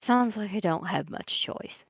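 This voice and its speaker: A woman's voice: medium pitch, expressive, unhurried, creaky, breathy edge, no room sound, exaggerated voice. A woman voicing a tired but determined man who speaks in a grudging, sardonic way. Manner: dry, grudging.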